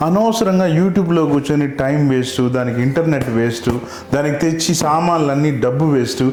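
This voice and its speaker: A man's voice: on the high side, fairly quick, darkish tone. A man acting as the husband in scripted comedy skits, lecturing in an exasperated way. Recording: echoey room with music behind.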